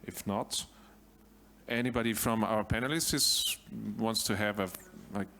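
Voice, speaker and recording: A man moderating a conference panel, talking haltingly with fillers. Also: lowish voice, steady tone, bright, forceful tone, slight background noise.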